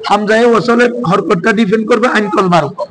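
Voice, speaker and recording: A man's voice: high voice, quick pace, a bit bright, a little hiss or hum, poor audio. A male teacher, giving a classroom lesson and quizzing his students with repeated questions.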